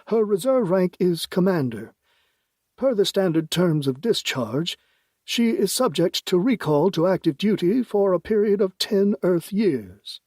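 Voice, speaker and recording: A man's voice: sits high, expressive, measured pace, darkish tone, no room sound, studio quality, pitched above the performer's own voice. A man voicing a formal male career politician in an audiobook, speaking in a ceremonious, official tone.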